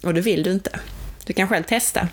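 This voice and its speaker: Calm female instructor, slightly low voice, steady coaching delivery. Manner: calm, explanatory, gently coaching. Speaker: childbirth educator. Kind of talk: instructional talk.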